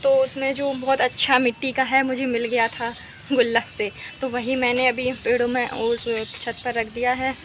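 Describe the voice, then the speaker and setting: This noisy outdoor clip features a young woman's casual home vlog, shot on a handheld phone from the roof of her house. She talks at normal speed with a flat delivery in a voice on the high side, chatty and rambling with many fillers.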